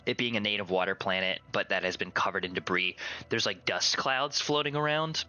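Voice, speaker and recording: A man improvising narration as game master of a tabletop game in a casual, halting way. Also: on the low side, bright, forceful tone, faint music behind, rough recording. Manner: casual, halting, searching for words.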